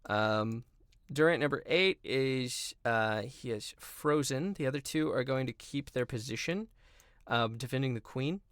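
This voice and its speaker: A man's voice: medium pitch, smooth, no echo, clean studio sound. Man narrating as game master. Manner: relaxed, many filler ums, quick rules talk. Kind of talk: narrating a tabletop role-playing game.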